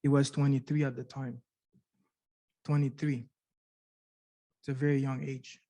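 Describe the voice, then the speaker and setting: Unhurried and warm, with a mid-range pitch that stays fairly flat, a middle-aged Canadian man delivers a heartfelt patient testimony at a conference. Set in a university conference room, his talk repeats words and poses rhetorical questions.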